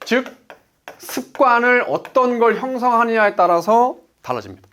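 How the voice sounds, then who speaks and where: Emphatic and posing rhetorical questions he then answers, a forty-something coach delivers a motivational business lecture. His voice is very high and sing-song, a bit bright, at a moderate pace.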